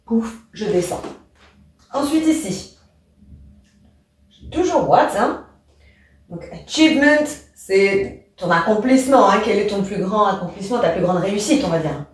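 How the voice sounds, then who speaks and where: A woman's voice: mid-range voice, animated, a little slow, long pauses, a little hiss or hum. A woman teacher explaining a lesson, speaking informally to the pupil and acting out rising and falling intonation. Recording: echoey room, distant from mic.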